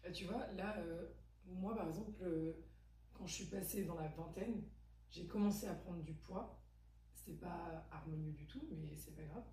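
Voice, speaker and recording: A woman in her twenties hosts a podcast, keeping the conversation casual and chatty while speaking emphatically and asking probing questions. Her low, mellow voice runs at a normal speed, recorded on a distant mic in an echoey room with a faint hum.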